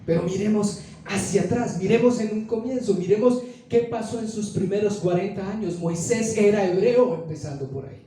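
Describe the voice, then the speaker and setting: Colombian male preacher, storytelling sermon, mellow high voice, roomy hall sound from a distance. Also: normal speed, hardly any pauses, a little hiss or hum. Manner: storytelling, acting out quoted dialogue. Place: church sanctuary. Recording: echoey church hall, speaker away from mic.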